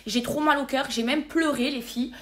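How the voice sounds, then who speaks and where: A woman's voice: high voice, fairly even intonation, moderate pace. An irritated woman venting to her followers in a casual vlog, emphatic and repeating words and oaths for force, speaking into a phone held close. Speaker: social media personality.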